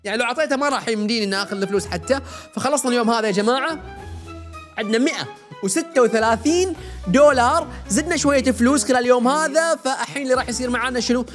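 A young man talks quickly and casually over his game, joking with the customers as he plays. His voice sits at a middle pitch and runs at a brisk pace. Faint game music plays underneath. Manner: fast, chatty, jokes with the game's customers. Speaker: gaming YouTuber. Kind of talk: casual let's-play commentary.

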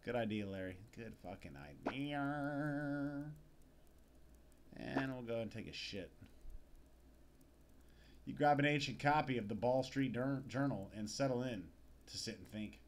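With game music playing underneath, this let's player swears his way through a casual, sardonic playthrough while reading the game's text out loud. He speaks at a medium pitch and a measured pace, pausing often, with slight background noise.

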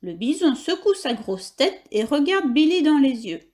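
A woman's voice: high-pitched, big pitch swings, moderate pace, darkish tone. Woman reading a picture book aloud. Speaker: reader.

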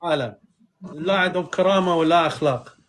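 A man, a native Persian speaker, calling into a live stream and speaking halting Arabic in an earnest, solemn way. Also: fairly high pitch, a bit bright. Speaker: caller. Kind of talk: political call-in chat.

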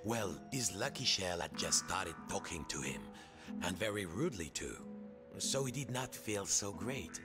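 An actor narrating a video game like a storybook, theatrical and playful. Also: male voice, deep voice, lively intonation, unhurried. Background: game music.

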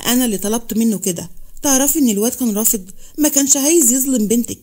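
A woman's voice: fairly high pitch, rapid-fire, warm tone, close to an everyday voice. A woman with an Egyptian accent voicing a stern middle-aged father who scolds in a harsh, accusing way. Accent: Egyptian Arabic.

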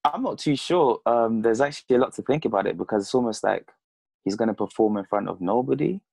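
Here the young boxer sounds animated and quick, his mid-range voice creaky and a little mellow on a dry recording. In his twenties and from Congo, Zambia and the UK, he speaks French in a casual video-call interview as the guest. He uses earphones and sits in a plain room at home.

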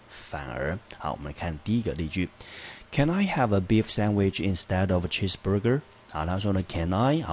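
Deep-voiced Taiwanese teacher explaining vocabulary. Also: male voice, slight background noise. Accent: Taiwanese Mandarin. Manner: patient, slows right down to read example sentences. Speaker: English teacher. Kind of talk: classroom vocabulary lesson.

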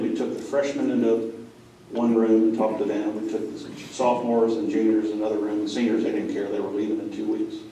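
A middle-aged school president gives a plainspoken conference talk to a seated audience in a lowish, dark voice, telling stories with asides to his listeners. A far room mic picks him up in an echoey room, with a little hiss or hum.

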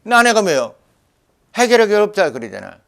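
Animated older man with a dialect twang. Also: high-pitched, a little fast, gravelly. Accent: Jeolla dialect. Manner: forceful, scolding, rambling with dialect words. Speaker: lecturer. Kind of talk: animated lecture.

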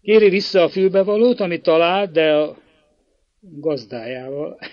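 A man reading a gentle fatherly village priest. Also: on the high side, no echo, dull audio, voice pushed up, natural voice. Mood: solemn. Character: kindly middle-aged male village priest, gentle.

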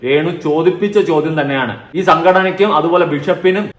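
Indignant guy ranting fast on his vlog, roomy echo. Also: a little high. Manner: indignant, insistent, repeats points. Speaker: vlogger commentator. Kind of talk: opinion commentary vlog.

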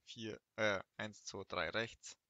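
A man in a casual gameplay chat, answering his partner with short, calm directions. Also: on the low side, takes it slowly, dry recording, muffled recording. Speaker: co-op game partner.

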